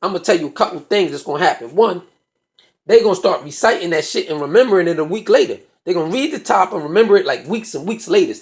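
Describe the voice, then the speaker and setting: A man's voice: high-pitched, lively intonation, fast. A man voicing his smug know-it-all friend, lecturing in profane street slang. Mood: confiding.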